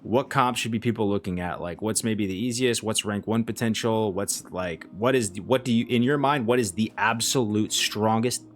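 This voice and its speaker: A man hosts a casual gaming stream and pushes out question after question. His voice comes over a laggy online call that sounds digital and choppy and keeps cutting in and out. His pitch sits a bit low, with faint noise behind him. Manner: eager, rapid-fire questioning. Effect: choppy digital voice-call audio, cutting in and out. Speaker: stream host interviewing a guest.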